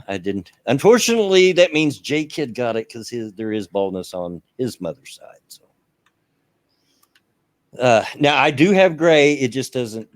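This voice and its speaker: A man's voice: fairly low pitch, no echo. A man in his fifties hosting a casual livestream chat from home, rambling and reading chat messages aloud. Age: 50s. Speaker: stream host. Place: home, on a laptop camera.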